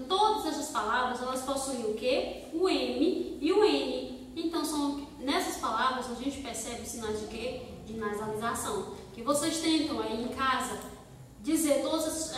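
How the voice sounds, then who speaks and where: A Brazilian woman teaching a children's class, asking rhetorical questions and sounding out words slowly, syllable by syllable. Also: sits high, slight background noise. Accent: Brazilian Portuguese. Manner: slow, sing-song word-by-word syllable demonstrations; asks pupils rhetorical questions. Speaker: primary school teacher. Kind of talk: recorded remote class lesson. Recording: echoey hall-like room, voice from a distance.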